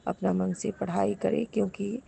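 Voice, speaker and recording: A woman's voice: medium pitch, little pitch movement, normal speed, creaky, dark tone, slight background noise. A woman sharing a devotional testimony with the congregation, fervently and repeatedly giving thanks to her guru. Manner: addresses listeners directly as the congregation.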